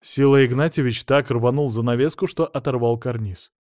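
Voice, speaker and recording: A male narrator reading an audiobook in a steady, expressive way, at a middling pitch. The recording is dry and close, with no room sound. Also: normal speed, dry recording.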